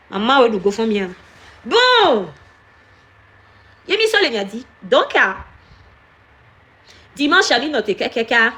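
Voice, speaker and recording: A woman giving casual live-stream commentary, slipping into Ewe and scolding viewers by name. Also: on the high side.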